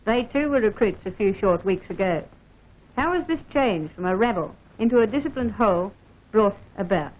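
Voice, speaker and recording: Through a dull, band-limited vintage film soundtrack, a woman officer from Australia delivers scripted training narration, addressing the listener formally with instructions. Her mid-range voice is expressive and a little mellow, at a moderate pace.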